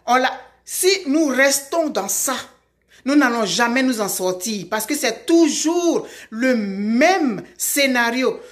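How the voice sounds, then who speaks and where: High-pitched woman from ivory coast, fired up, talks right into the camera, says things twice for emphasis. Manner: emphatic, repeats her calls for emphasis. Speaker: vlogger. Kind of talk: impassioned direct-to-camera appeal.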